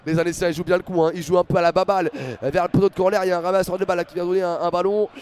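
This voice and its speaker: A young man with a French accent doing live football commentary for a stream, excitable, with many fillers, talking to his chat viewers. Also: sits high, rapid-fire.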